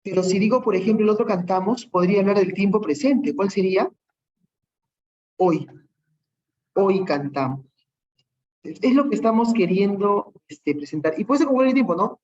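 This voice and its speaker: An animated, mid-range, darkish voice at normal speed, broken by long pauses, comes through lo-fi sound. The speaker is a teacher with a Peruvian Spanish accent teaching an online class, patiently walking through numerous examples and checking in with tag questions often.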